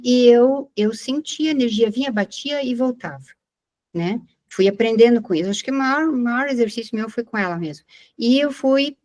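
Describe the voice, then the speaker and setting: A woman's voice: medium pitch, darkish tone, dry recording. A woman with a Brazilian accent, sharing and explaining her experience earnestly in a group discussion, often checking in with tag questions. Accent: Brazilian Portuguese. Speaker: study group participant.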